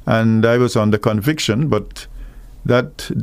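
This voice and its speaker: A middle-aged man from Guyana with a Guyanese accent, speaking as a guest minister on a radio call-in program, earnest and measured. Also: fairly low pitch, clear, resonant tone, no room sound. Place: radio studio.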